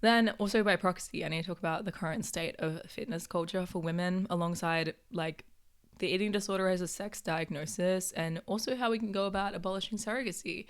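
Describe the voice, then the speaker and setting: A young woman in her twenties hosting a podcast in a casual, chatty monologue, her voice hoarse from being sick. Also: fairly low pitch, a little fast. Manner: chatty, many filler "like"s. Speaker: podcast host.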